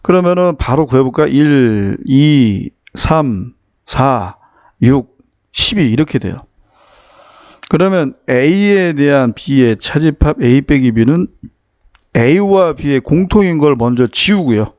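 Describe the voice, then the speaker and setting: A man's voice: medium pitch, animated, slow pace, darkish tone, dull audio. Man, math teacher, classroom lecture, explains step by step, keeps checking in with students.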